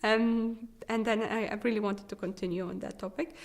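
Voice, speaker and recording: A young Syrian woman whose first language is Arabic, a research assistant, answers interview questions in halting English marked by a Syrian Arabic accent. Her medium-pitched voice keeps a fairly even intonation through many fillers and restarts.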